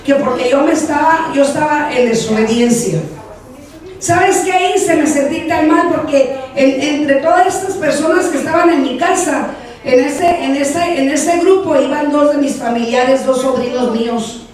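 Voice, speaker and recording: Woman pastor, high voice, lively storytelling sermon. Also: normal speed. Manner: animated storytelling, addresses congregation as brothers. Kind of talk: testimony sermon. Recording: echoey hall, voice from far off.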